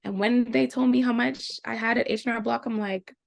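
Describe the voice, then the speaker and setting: Gravelly-voiced Jamaican woman telling stories. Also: brisk. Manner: animated storyteller, jumps into high pitch for quoted reactions. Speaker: guest. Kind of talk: casual interview.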